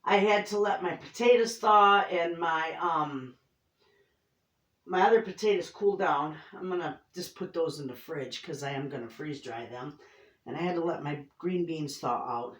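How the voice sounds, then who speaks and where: A woman's voice: sits low, moderate pace. Woman, middle-aged, Michigan inland accent; folksy homestead vlogger chatting casually, picked up at a distance in a roomy space. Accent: Inland Northern American (Michigan). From Michigan, United States. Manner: folksy, effusive, repeats herself. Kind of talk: casual chat to camera. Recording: roomy echo, distant microphone.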